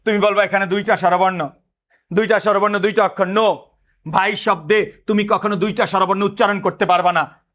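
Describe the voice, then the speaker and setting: Animated high-voiced male teacher. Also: brisk. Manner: animated, quizzing students and answering himself. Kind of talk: admission test lesson.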